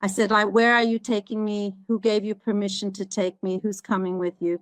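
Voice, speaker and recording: A woman's voice: mid-range voice, level tone, brisk, dry recording. A woman earnestly recounting a personal experience in the first person, turning emphatic when she repeats what she said. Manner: earnest, rising to emphatic when quoting herself. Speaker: guest recounting a near-death experience.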